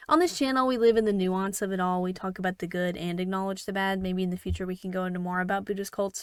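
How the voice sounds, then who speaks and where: Irreverent woman vlogger with a middling pitch, chatting in a loose, jokey way and dropping casual swears. Her voice comes across dry and close, with no room around it. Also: clean tone, dry recording. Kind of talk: casual scripted video commentary.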